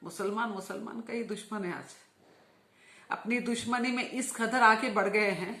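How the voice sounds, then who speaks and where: A woman's voice: fairly high pitch, normal speed, a bit bright. A woman making a fervent, emphatic religious appeal, repeating words for emphasis. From Hyderabad, India. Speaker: religious speaker. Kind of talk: impassioned video appeal. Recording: roomy echo.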